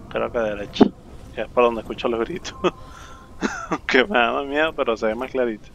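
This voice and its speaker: A man's voice: medium pitch, very fast, gravelly. A man with a Venezuelan accent giving casual, slangy let's play commentary, thinking aloud as he plays. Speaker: gaming streamer. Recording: loud game sound behind, noisy. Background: game audio and ambience.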